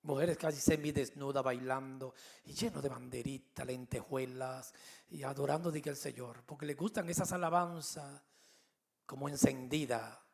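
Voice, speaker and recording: A middle-aged male pastor preaching a sermon, telling personal stories with humor and lively delivery. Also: medium pitch, normal speed, creaky. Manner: animated storytelling with humor.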